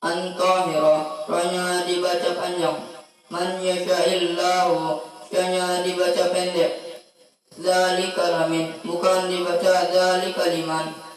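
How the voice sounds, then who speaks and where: A male student taking an oral exam, reciting memorized recitation rules in a rote, rapid way and chanting the Arabic terms. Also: sits high, level tone. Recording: very echoey room, distant mic, faint music.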